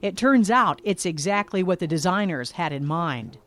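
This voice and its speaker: A woman reporter giving a scripted documentary narration, measured and vivid. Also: lowish voice, expressive.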